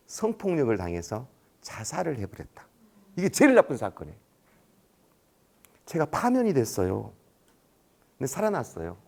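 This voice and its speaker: A middle-aged man lecturing to staff in a conference room, spinning a story in loose, everyday speech. His voice sits a little high for a man and leaps up and down with lively swings. He keeps slipping into the voices of the people in his anecdotes. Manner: colloquial, anecdotal, acts out quoted dialogue.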